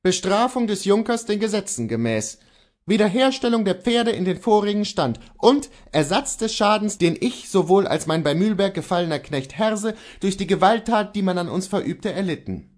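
A man's voice: sits high, lively intonation, moderate pace, voice pushed up. A man reading the part of a proud, defiant male horse dealer turned outlaw, speaking earnestly and insistently.

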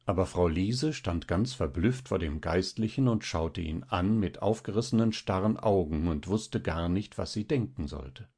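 A man narrating a classic tale as an audiobook in a measured storytelling manner. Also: low-pitched, mellow, slightly rough.

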